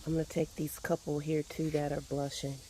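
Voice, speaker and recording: A middle-aged home gardener speaks fairly quickly in a low, flat voice against a noisy background. She keeps up enthusiastic chatter with her viewers while working in her backyard for a casual garden walkthrough vlog.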